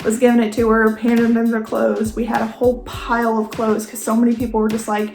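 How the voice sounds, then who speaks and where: A young woman tells a story to camera in a chatty, animated way. Her fairly high voice rings in an echoey room. Faint music plays underneath. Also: a little fast, creaky. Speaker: vlogger.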